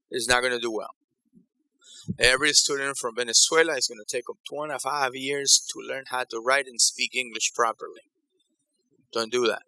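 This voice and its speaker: A man from Ecuador leads a college workshop session in an easy, conversational way. His voice is very bright and cutting, recorded close with almost no room sound. He often repeats a phrase to land a point. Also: medium pitch, no room sound, poor audio. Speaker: workshop facilitator. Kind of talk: conference breakout talk.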